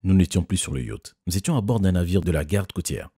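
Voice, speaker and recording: Deep husky male narrator. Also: expressive, fast talker, warm tone, dry recording, studio quality. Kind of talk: scripted first-person narration.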